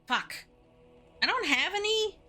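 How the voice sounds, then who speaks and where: A woman's voice: very high voice, animated, slow, bright, forceful tone. A woman streaming a game, informal and sweary, muttering to herself and reading dialogue choices aloud. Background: game music.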